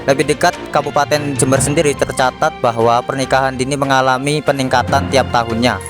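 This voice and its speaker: Brisk, flat male documentary narrator. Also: mid-range voice. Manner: even, read-aloud delivery. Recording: voice-over with background music.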